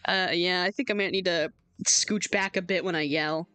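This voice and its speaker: A woman's voice: lowish voice, fairly even intonation, normal speed, bright, forceful tone, clean tone, dry recording, faint music behind. A woman streamer giving casual, giggly, self-mocking commentary over a game. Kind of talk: casual let's-play commentary.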